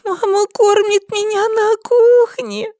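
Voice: extremely high pitch, flat delivery, takes it slowly, warm tone, dry recording, studio quality, voice pushed up, exaggerated voice. A narrator voicing a hungry little girl of four or five who sobs and cries between her words on the phone. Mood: sobbing, pleading. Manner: crying, sobbing between words. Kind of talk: audiobook character voice.

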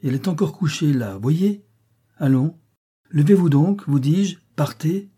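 A stern old servant woman, voiced by a man in a storybook. She scolds and shoos away with a raised, louder voice. She is honest but inflexible, and the timbre stays warm and husky. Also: on the high side, big pitch swings, moderate pace, voice pushed up. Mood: scolding.

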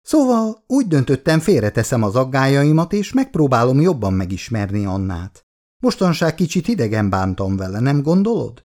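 A man's voice: medium pitch, very animated, a little mellow, voice pushed up, natural voice. Man voicing a fretful affectionate middle-aged wife. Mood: fretful chatter. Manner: chatty, anxious, coaxing.

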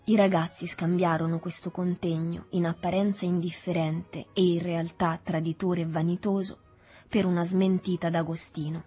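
A woman reading a novel aloud in a measured, even storytelling manner. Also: on the low side, slightly rough, faint music behind. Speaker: audiobook reader. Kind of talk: literary audiobook narration.

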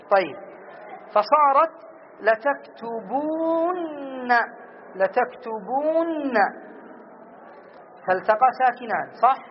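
Brief: male grammar teacher, very high voice, drills example words slowly, lo-fi classroom audio. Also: a little hiss or hum. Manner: slow, drawn-out repetition of example words, quizzing students. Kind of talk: classroom lesson. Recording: dull lo-fi classroom recording.

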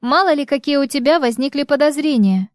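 A woman reading an audiobook, voicing a flustered wife who rushes through her lies in a nervous, overly bright way. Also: sits high, expressive, no echo, studio quality, voice pushed up.

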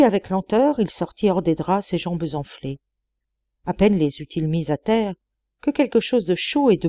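A woman narrating a literary audiobook in a measured, expressive way. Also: lowish voice, dry recording. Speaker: audiobook reader.

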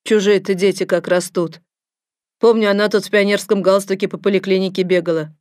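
Woman voicing a doctor mother, quiet, a bit shamefaced, close dry sound. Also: medium pitch, steady tone, a little fast, no echo, close to an everyday voice. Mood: subdued. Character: proud, embarrassed mother, a doctor.

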